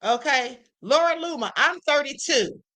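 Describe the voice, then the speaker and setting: A woman hosting a live stream, giving sassy, emphatic commentary with drawn-out asides. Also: sits high, lively intonation, bright, forceful tone. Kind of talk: casual commentary.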